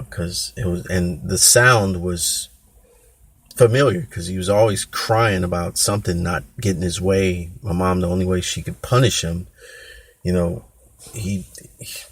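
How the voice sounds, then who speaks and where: A man with a very low voice and a husky, slightly rough tone talks through a painful childhood story. He hosts his own podcast and speaks candidly and loosely. He restarts sentences often and slips into quick impressions of the people in the story. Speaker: podcast host. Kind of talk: personal storytelling monologue.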